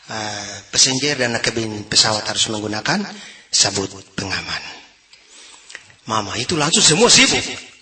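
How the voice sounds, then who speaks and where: A man with a Papuan accent telling funny folk stories, lively and jumping into characters' voices. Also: medium pitch. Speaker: comedy storyteller. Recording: roomy echo.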